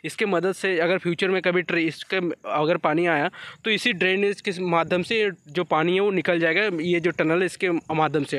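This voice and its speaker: High-voiced man vlogging, dry close sound. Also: fairly bright tone, dry recording. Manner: repeats "friends" as a filler, explanatory. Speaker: construction update vlogger. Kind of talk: casual vlog narration.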